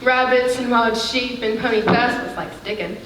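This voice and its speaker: A woman playing a cheerful young Yorkshire housemaid, brisk and down-to-earth in broad dialect, in a live stage play. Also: a little high, a bit bright, slight background noise, close to an everyday voice. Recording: echoey theater, mic far off.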